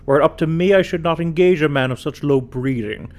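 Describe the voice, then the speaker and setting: A man doing a haughty posh British gentleman with a put-on upper-class accent. His reading is pompous and condescending, the voice of a letter writer looking down on its reader. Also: fairly high pitch, fairly quick, voice pushed up, close to an everyday voice. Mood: haughty, scornful.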